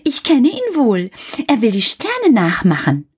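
A woman voicing a greedy little boy who keeps shouting for more, with a shrill, insistent voice. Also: huge pitch swings, a little slow, husky, heavily acted. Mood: eager.

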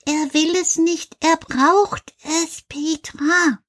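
A woman voicing Karl, a calm, patient male helper who gently corrects and soothes. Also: extremely high pitch, slow pace, heavily acted.

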